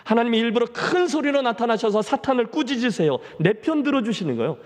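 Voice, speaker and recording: A middle-aged male pastor delivers a sermon with a high, lively voice that swings widely in pitch. He dramatizes the lines he quotes. The live recording carries a long church reverb. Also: fast talker. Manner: dramatic, acts out quoted voices of Satan and God. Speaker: senior pastor. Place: church sanctuary during service.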